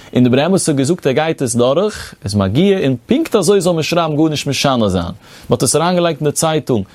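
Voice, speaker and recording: A man's voice: medium pitch, a little mellow, no room sound. A man giving a religious text lecture. He chants quoted passages in a singsong and tells stories between them to explain. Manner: explanatory storytelling between quotations. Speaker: rabbinic lecturer.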